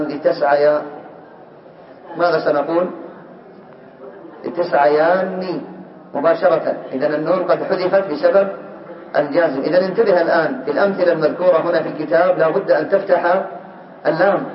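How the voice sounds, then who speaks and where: A male teacher giving a grammar lesson to a class, asking questions, calling on students by name and slowly repeating word forms. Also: on the high side. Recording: echoey room, muffled lo-fi sound.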